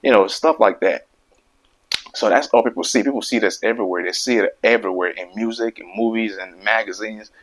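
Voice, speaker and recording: Speaking briskly in a fairly bright, lowish voice, a man hosts his own video as a casual opinion monologue to camera. There's a little hiss or hum on the recording. He stutters, repeats words, and presses his emphatic points repeatedly.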